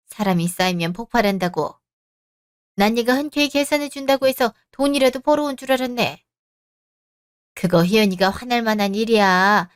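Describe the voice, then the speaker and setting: A woman voicing an older, fussy mother-in-law in a radio drama, scolding her son in a shrill, fussy way. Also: clear, resonant tone, dry recording, clean studio sound, natural voice.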